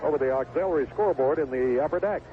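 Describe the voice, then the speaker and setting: Talking very fast in a voice on the high side, a man delivers folksy, colorful play-by-play of a live baseball game. He's in an outdoor ballpark broadcast booth, and the audio is tinny and noisy, like 1970s AM radio.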